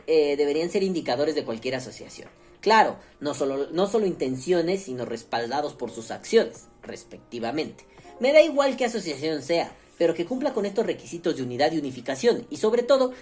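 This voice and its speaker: A man's voice: on the high side, darkish tone. A man with a Mexican accent hosting a podcast, talking in a casual, profane, rambling way. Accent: Mexican Spanish. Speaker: podcast host.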